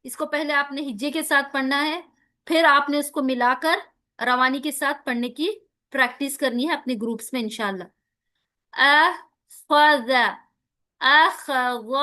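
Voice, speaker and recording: High-voiced woman teaching careful recitation. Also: bright, forceful tone. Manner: drawn-out, careful letter-by-letter pronunciation between brisk explanations. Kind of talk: tajweed lesson, spelling out letters.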